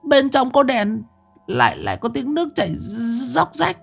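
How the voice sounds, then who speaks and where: A man voicing a timid young village lout who stammers and whines in a high voice. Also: wildly swooping pitch, moderate pace, gravelly, a bit bright, faint music behind, exaggerated voice. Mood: protesting. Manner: stammering, whiny.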